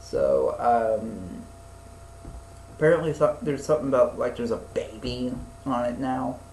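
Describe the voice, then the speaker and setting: A man's voice: mid-range voice, expressive, measured pace, gravelly, a little mellow. A man in his twenties chatting casually as a podcast co-host, rambling and a bit profane, with many fillers. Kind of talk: casual chat. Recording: echoey room with faint noise.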